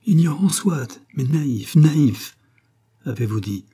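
A man's voice: medium pitch, normal speed, warm tone, breathy edge. A man voicing a haughty, scornful queen with a biting, contemptuous delivery.

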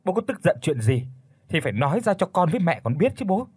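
A man's voice: on the high side, sing-song, fast talker, a little mellow, breathy edge, no echo, voice pushed up. A man voicing a worried young adult son pleading with his silent father. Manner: anxious, pleading questions.

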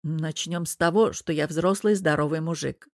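A woman doing a wry, gruff man. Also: deep voice, steady tone, normal speed, dry recording, clean studio sound. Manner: grumbling, teasing. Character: gruff adult man nicknamed devil, wry and cocky.

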